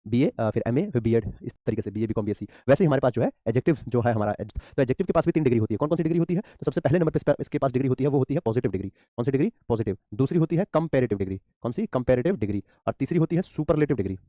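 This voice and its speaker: A man's voice: mid-range voice, animated, racing, hardly any pauses, warm tone, no room sound, studio quality. A man teaching an online English grammar class, calling his students "beta" and asking and answering his own questions.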